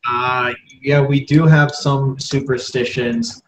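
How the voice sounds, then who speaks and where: A man's voice: medium pitch, level tone, takes it slowly, fairly bright tone, reverberant, a little hiss or hum, low-quality recording. A man from the United States with an American accent, chatting casually and repeating words as he explains. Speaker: English teacher as podcast co-host. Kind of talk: casual chat.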